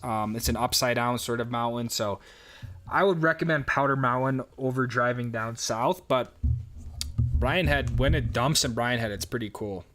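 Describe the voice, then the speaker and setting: On a livestream, a young man with a New York accent and medium pitch casually answers viewer questions. It's a relaxed live chat, rambling and full of fillers.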